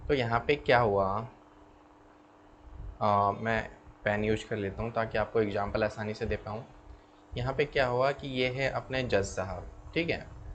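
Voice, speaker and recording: A man's voice: on the low side, steady tone, measured pace, pauses often. A man teaching law, explaining step by step and often checking in with "okay". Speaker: law lecturer. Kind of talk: explanatory lecture. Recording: slightly dull lo-fi sound with faint background noise.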